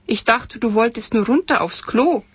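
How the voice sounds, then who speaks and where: An eager, cheerful woman in her thirties, read aloud by a woman author. She is bubbly and hearty, her voice lifted higher, slightly husky and close and dry. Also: moderate pace, no echo. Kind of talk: reading dialogue aloud from a novel.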